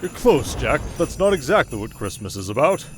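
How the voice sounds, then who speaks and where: A man playing a kindly, fatherly old Santa Claus who gently chides and chuckles in an ASMR roleplay. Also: mid-range voice, sing-song, fairly quick, soft background music, close to an everyday voice. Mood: warm, wise.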